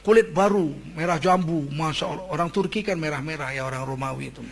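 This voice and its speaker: A male preacher telling a religious story in a sermon, animated and emphatic, with joking asides. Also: on the high side, quick pace. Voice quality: raspy, gravelly.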